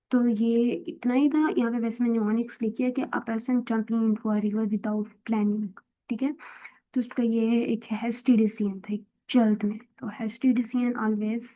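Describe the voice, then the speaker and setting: A woman's voice: a little high, warm tone, rough recording. A woman teaching English vocabulary in casual Hindi-Urdu mixed with English, explaining patiently and often checking in with "theek hai?". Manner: mixes English phrases into Hindi-Urdu talk.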